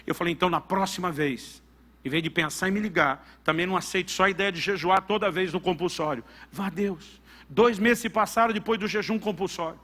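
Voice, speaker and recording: A middle-aged man from Brazil, a pastor telling a personal story in a sermon, swinging from loud bursts to hushed, earnest passages. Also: high-pitched, brisk.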